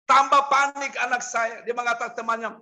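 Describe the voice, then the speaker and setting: Bright high-voiced preacher telling a story. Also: male voice, little pitch movement, fairly quick. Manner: storytelling preacher, acts out quoted dialogue. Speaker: pastor. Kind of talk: sermon.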